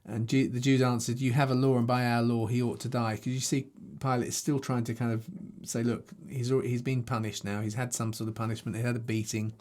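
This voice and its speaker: A man's voice: mid-range voice, little pitch movement, a little fast, few pauses, a little mellow. A man reading scripture aloud and teaching on it in a conversational way, thinking aloud with restarts, recording himself to a video camera. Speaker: Bible teacher. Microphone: self-recorded to a video camera.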